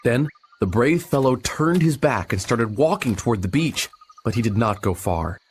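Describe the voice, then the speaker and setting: A man narrating an adventure storybook in an expressive reading style. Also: mid-range voice, normal speed, slight background noise.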